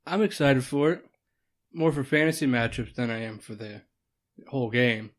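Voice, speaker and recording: A man with a middle-pitched voice joins a casual sports chat as a co-host. He jokes around and rattles off his fantasy football thoughts in quick bursts. His delivery is loose and playful.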